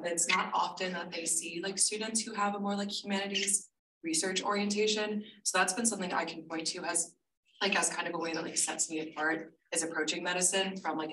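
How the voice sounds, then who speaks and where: A woman's voice: lowish voice, bright, forceful tone. A woman in her twenties, a senior thesis student, explaining her research in a friendly, casual way. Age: 20s. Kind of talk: casual info session talk. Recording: echoey room, far from mic, faint noise.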